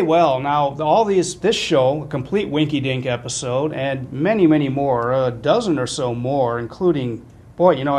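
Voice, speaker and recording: A middle-aged or older man hosting a casual webcast with chatty, wry, self-deprecating commentary. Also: darkish tone. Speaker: webcast host. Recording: noticeable low rumbling background noise.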